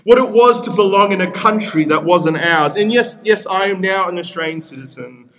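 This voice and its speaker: A young Peruvian man, a native Spanish speaker, preaches a sermon as a pastor, earnest and full of repeated appeals. His voice is high-pitched and a bit bright, moving at a normal speed.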